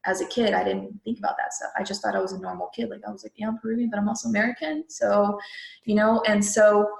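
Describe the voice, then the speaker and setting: A young adult woman from Peru speaks as a guest in a relaxed interview. Her talk is chatty and loose, full of fillers, and her voice has a gravelly fry. The recording sounds roomy and echoey. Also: medium pitch, fast talker. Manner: chatty, frequent fillers like "like" and "you know".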